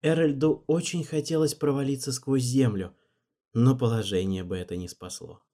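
A man's voice: mid-range voice, steady tone, normal speed, mellow. Man narrating an audiobook steadily.

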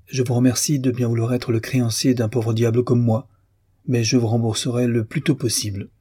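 A man voicing a proud, clever young man who answers politely and with quiet confidence. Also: mid-range voice, little pitch movement, fairly quick, breathy edge, natural voice.

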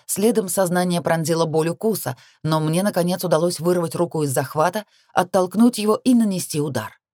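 A woman reading a first-person audiobook, steady and rising sharply on tense phrases. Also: fairly low pitch, a little fast, dry recording, clean studio sound. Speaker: audiobook narrator.

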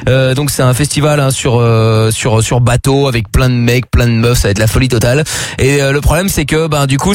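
Fast-talking man hosting radio, higher voice. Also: no room sound. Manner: informal, slangy, teasing. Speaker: radio host. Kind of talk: live call-in radio chat. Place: radio studio.

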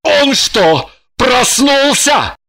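A woman voicing a hungry, indignant grown man who is hiding from a husband, speaking loudly and theatrically. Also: fairly low pitch, slow. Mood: outraged. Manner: loud, outraged, theatrical.

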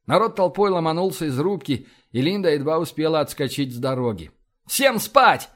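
A man reads an audiobook aloud in a lively storytelling manner. His voice sits a little high for a man. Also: fairly quick. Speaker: audiobook narrator. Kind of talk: audiobook narration.

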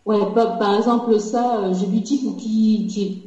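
A woman's voice: mid-range voice, steady tone, unhurried, warm tone. A woman sharing a dream during a church session, talking hesitantly with many restarts. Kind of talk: conversational testimony. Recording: very echoey, muffled recording.

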